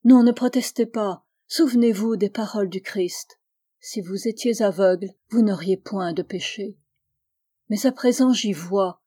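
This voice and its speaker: A woman's voice: medium pitch, measured pace, dark tone, husky. A woman voicing an anguished, fervent young woman who was once blind, speaking with pleading intensity that rises to vehemence, in an audiobook. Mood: vehement.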